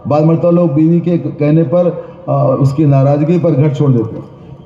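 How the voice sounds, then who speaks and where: A man's voice: a little high, steady tone. A man preaching a sermon to a large gathering, telling stories, acting out the voices he quotes and putting questions to the audience. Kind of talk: religious sermon. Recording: echoey, distant, dull hall recording.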